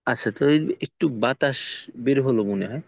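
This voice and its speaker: Gravelly-voiced man teaching recitation. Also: mid-range voice, no room sound, highs cut off. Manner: patient, explains slowly with pauses and fillers. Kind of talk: online tajweed lesson.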